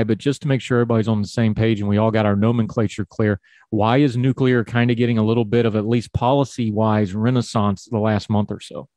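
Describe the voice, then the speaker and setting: A man's voice: on the low side, warm tone, no room sound. A man with an Appalachian hillbilly accent hosting a conversational interview in a folksy, informal manner. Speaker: talk show host.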